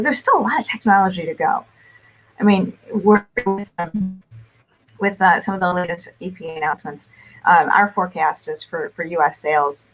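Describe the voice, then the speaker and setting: A woman's voice: fairly low pitch, low-quality recording. A woman speaking as a forecaster on a panel over a video call whose audio breaks up, thinking aloud with frequent restarts. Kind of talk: casual panel discussion. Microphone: video call from home setup.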